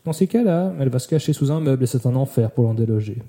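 A man reading the part of a hurried boss giving friendly advice in an audiobook, brisk and chatty. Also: mid-range voice, lively intonation, warm tone, lightly acted.

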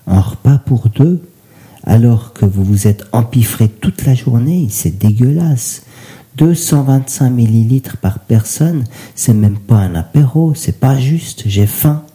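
A man voicing an indignant young vampire, shouting and whining that he is hungry. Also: mid-range voice, lively intonation, slow, voice pushed up.

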